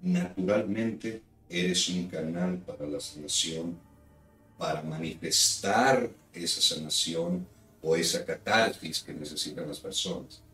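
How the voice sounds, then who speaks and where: A man's voice: sits low, slow, bright, forceful tone, recorded from a distance. A man as host, commenting reflectively and backing up his guest in casual conversation. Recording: echoey room, away from the mic, faint music.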